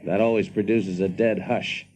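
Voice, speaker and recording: With a fairly low, steady, darkish voice at a moderate pace, a man lightly acts the part of a brash, wry engineer narrating his own tale in a radio drama. His self-assured, folksy dryness comes across as wry and self-satisfied. There's a little hiss or hum on the recording.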